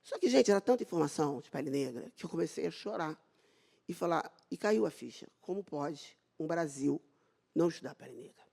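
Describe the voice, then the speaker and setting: A middle-aged woman with a Brazilian Portuguese accent tells her own story from a stage. Her pitch swoops widely as she acts out the dialogue, and her voice has a gravelly fry. She talks with open, faith-filled zeal. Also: expressive, brisk, mellow. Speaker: dermatologist giving a talk. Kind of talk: personal testimony talk on stage.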